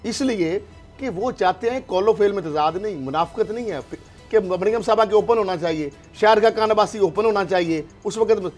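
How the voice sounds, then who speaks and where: Interjecting in a heated political discussion, a man with a Pakistani accent argues emphatically and leans on rhetorical questions. His voice is high-pitched but a little mellow, at normal speed, over soft background music.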